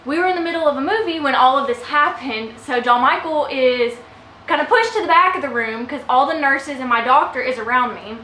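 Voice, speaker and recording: A woman's voice: sits high, fairly quick, sharp tone, slight background noise. A young woman vlogger telling her own story casually to the camera, emotional and close to tears at times. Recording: echoey room with faint ambience.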